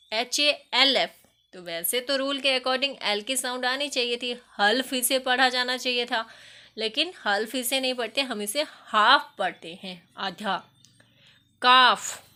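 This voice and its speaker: A woman teaching an English lesson in a bright, slightly high voice. She takes her time, reading sentences slowly and loudly and spelling words out letter by letter for her students. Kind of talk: recorded classroom lesson.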